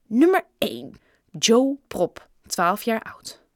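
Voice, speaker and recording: A woman's voice: wildly swooping pitch, takes it slowly, no echo, clean studio sound, exaggerated voice. Woman doing a pushy chatty shopkeeper man. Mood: eager salesman. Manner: eager, sales-pitch patter. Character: chatty grown male shopkeeper, pushy salesman.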